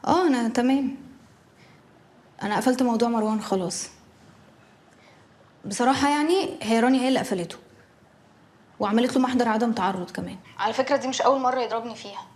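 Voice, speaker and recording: A woman's voice: fairly high pitch, quick pace, pauses often, natural voice. An actress playing a remorseful young woman with an Egyptian accent, apologizing hesitantly in a TV drama. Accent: Egyptian Arabic. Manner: hesitant, soft-spoken confessing. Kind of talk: TV drama acting.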